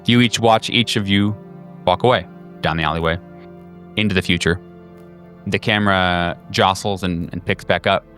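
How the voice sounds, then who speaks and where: As game master of a horror tabletop game, a man narrates in a low, steady, fairly bright voice, feeling his way through the scene with long, drawn-out pauses. Faint music runs underneath.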